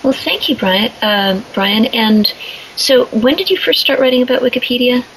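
A woman's voice: fairly high pitch, moderate pace, a bit bright, slight background noise, rough recording. A woman hosting a podcast panel, moderating in a conversational way and guiding the talk with questions. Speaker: podcast host.

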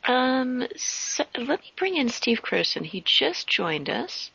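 A woman hosting a casual podcast over an internet voice call, friendly and halting, with many ums. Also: sits high, big pitch swings, vocal fry, a bit bright, slightly rough, no echo. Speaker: podcast host. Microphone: computer mic on a voice call. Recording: muffled lo-fi internet call audio.

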